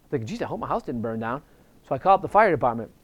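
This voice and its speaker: A man, a real estate investor, telling stories and giving advice in a casual, animated way, acting out the dialogue. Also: medium pitch, rapid-fire. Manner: animated, acts out quoted dialogue. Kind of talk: casual storytelling advice talk.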